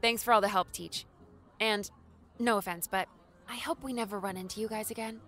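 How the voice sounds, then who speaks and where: A man's voice: high voice, fairly even intonation, brisk, sharp tone, faint music behind, pitched above the performer's own voice. A man voicing a blunt, cautious young woman with a frank, wary manner in an audiobook. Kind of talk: audiobook character voice.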